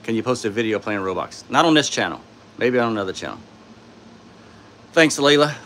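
A man with a sore throat hosting a casual live stream, answering chat in a tired, low-key way from his home studio on a phone. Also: lively intonation, brisk, a bit bright, slight background noise. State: sore throat, speaking softly.

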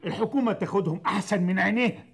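A man's voice: high voice, very fast, fairly bright tone, slightly rough, heavily acted. An actor playing an angry, vengeful man betrayed by a woman, in a TV drama. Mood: bitter. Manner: agitated, indignant outbursts. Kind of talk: TV drama acting.

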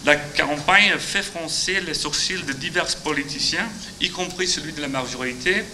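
A man in his thirties with a Flemish accent, giving a prepared conference talk in halting, non-native French with grammar slips. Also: fairly high pitch, sharp tone, poor audio. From Flemish Belgium. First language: Dutch (Flemish). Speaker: conference speaker, legal adviser. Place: large conference auditorium. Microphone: podium microphone. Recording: faint noise in auditorium.

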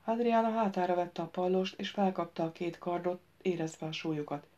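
Low-voiced woman narrating an audiobook. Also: steady tone, dark tone, muffled recording.

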